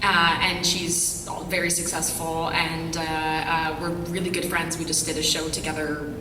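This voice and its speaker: A woman's voice: low-pitched, level tone, unhurried. Chatty woman on a noisy hall stage. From Canada. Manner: chatty, rambling. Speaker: convention panel guest. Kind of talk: panel answer. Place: large convention hall. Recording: echoey hall, distant mic, noisy.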